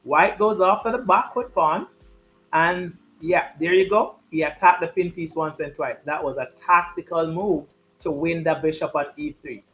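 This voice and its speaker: A man's voice: fairly high pitch, normal speed, a bit bright, a little hiss or hum, rough recording. A man giving live chess commentary and chatting, repeating his key points for emphasis.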